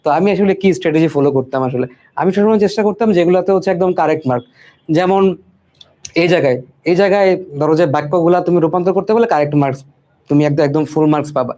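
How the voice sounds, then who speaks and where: A man's voice: a little high, racing, dark tone. A young man from Bangladesh teaching an online exam-prep lesson, repeating points and slipping in English words. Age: young adult. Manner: repetitive, reassuring, mixes English words. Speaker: tutor.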